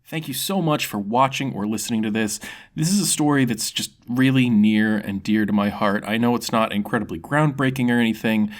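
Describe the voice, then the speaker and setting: In a mid-range voice, a little fast and with few pauses, the creator of a channel tells their own fantasy story. The narration shifts between dramatic moments and casual asides to the audience.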